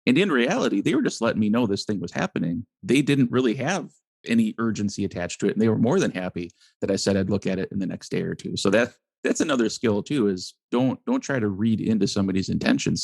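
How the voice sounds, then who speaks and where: A man co-hosting a casual podcast conversation, laughing often and acting out quotes in an animated way. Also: fairly low pitch, vocal fry, no echo, clean studio sound. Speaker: podcast co-host.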